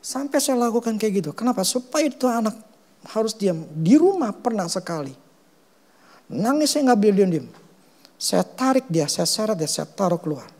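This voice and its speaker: A middle-aged man with an Indonesian accent, a pastor preaching a sermon, telling stories with loud and hushed stretches. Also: sits high, moderate pace. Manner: animated storytelling, swings from loud to hushed.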